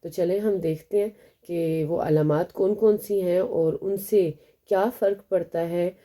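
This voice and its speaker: A woman with a Pakistani Urdu accent teaching a beginner language lesson. She explains step by step, asks questions and answers them herself, and slows down to spell out each letter sound. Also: on the low side, fairly even intonation, warm tone. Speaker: Arabic teacher.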